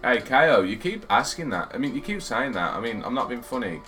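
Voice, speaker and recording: A man streaming a football video game live, excitable and swearing freely as he banters with his chat through a headset. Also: medium pitch, a little fast, soft background music. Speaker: gaming streamer.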